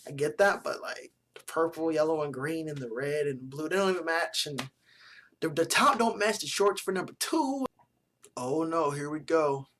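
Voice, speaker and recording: A man's voice: on the high side, moderate pace. Blunt, profane man rating basketball jerseys. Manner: blunt, profane, joking opinions; relaxed slangy talk. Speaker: sports vlogger. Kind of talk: casual jersey review vlog.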